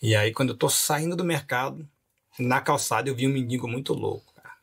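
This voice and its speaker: A man recounts his life story as a pastor on a podcast. His voice is gravelly and husky, lively in its storytelling and broken up by chuckles. He speaks in an easy, conversational way. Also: mid-range voice, brisk. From Rio de Janeiro. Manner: animated storyteller, laughs often.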